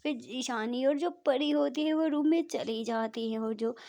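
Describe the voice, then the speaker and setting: A woman's voice: sits high, a little slow, warm tone. A woman narrating a story in a chatty, casual retelling.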